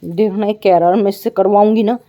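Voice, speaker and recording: A woman's voice: medium pitch, steady tone, brisk, dark tone. A middle-aged woman, a mother hosting a casual family vlog, teasing and scolding her son as she talks to viewers.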